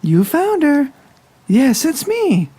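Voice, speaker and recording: A man voicing the ghost of a frail old woman in a horror story, speaking sweetly and politely in a high, gentle voice. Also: huge pitch swings, slow, exaggerated voice. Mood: welcoming. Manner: sweet, gracious.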